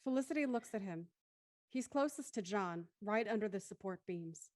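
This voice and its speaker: A woman narrates an audio thriller, reading dramatic scripted lines as an intent storyteller. Her natural, medium-pitched voice is a little mellow, with lively intonation and a moderate pace. The recording is studio quality with no room sound.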